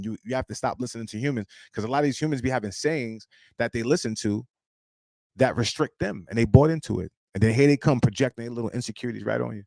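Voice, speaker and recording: A man in his thirties talks straight to his live-stream audience with a gravelly, fry-laden voice, recorded close and dry. He is blunt and emphatic and swears freely, like a preacher of street-level life advice. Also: mid-range voice, a little mellow, no room sound. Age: 30s.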